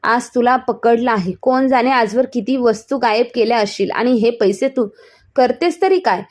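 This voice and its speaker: A woman's voice: a little high, normal speed, a little mellow, lightly acted. A woman voicing an angry, suspicious grown son who scolds his mother in a spoken family story. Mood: scolding.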